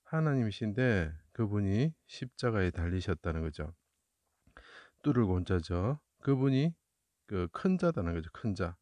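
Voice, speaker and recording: A man's voice: on the low side, very animated, measured pace, a little mellow, dry recording. A man explaining Bible verses through Chinese characters, asking rhetorical questions and then answering them. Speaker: Bible teacher.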